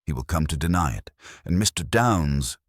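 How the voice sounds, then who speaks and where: A man plays a very deep-voiced, imperious older detective, a stern and calculating genius who is unhurried. His heavy, weighty voice delivers formal, flat, commanding declarations with a grave tone at normal speed. It was captured dry in a studio.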